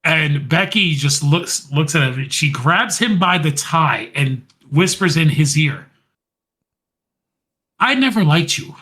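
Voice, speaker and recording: A man co-hosting a podcast, excitedly retelling a wrestling segment in casual chat. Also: a little high, measured pace, hardly any pauses. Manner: animated, retells scenes by quoting and laughing. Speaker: podcast co-host.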